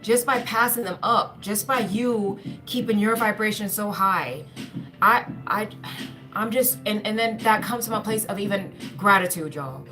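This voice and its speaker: A woman's voice: mid-range voice, unhurried. A woman giving an earnest, repetitive spiritual pep talk, often calling her listeners y'all. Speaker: spiritual speaker. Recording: talk over clear background music. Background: music.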